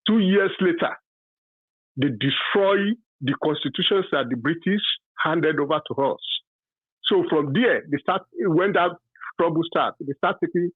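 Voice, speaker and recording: A man in his fifties from Nigeria with a Yoruba accent, calling in to a radio talk show to give his opinion, halting and full of fillers, then emphatic. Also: a little high, slightly rough, dry recording. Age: 50s. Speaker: caller. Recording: dry tinny phone line.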